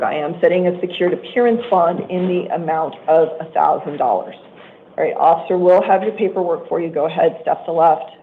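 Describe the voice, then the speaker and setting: Judge on a tinny courtroom recording. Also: medium pitch. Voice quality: formal, procedural, with brief apologetic asides. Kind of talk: reading court orders at an initial appearance. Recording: tinny courtroom audio recording with faint hiss.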